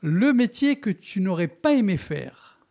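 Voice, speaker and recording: High-voiced jovial male radio host. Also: big pitch swings, measured pace, a little mellow. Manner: jovial, laughs often, chatty asides. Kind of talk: radio interview with a questionnaire.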